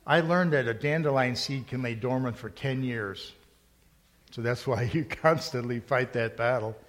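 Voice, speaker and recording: A man's voice: medium pitch, moderate pace. A middle-aged male pastor preaching a sermon in a conversational storytelling way, rising to emphatic points. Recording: long hall reverb.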